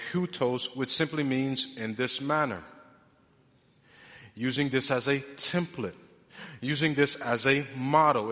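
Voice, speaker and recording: A man, a pastor in his thirties, preaching a sermon with lively emphasis that swings between loud and hushed. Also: medium pitch. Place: church sanctuary. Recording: long reverb of a large hall.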